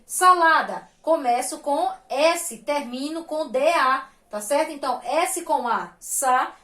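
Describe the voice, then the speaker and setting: A woman teaching young children with a Brazilian Portuguese accent, patient and sing-song, spelling syllables out slowly. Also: sits high, bright, forceful tone, roomy sound. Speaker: primary school teacher. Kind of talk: recorded lesson for young children.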